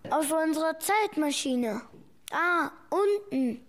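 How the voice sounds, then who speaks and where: A woman's voice: sits high, lively intonation, slow pace. A woman playing a bossy, eager child hero in a children's radio play. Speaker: child hero who flies the helicopter.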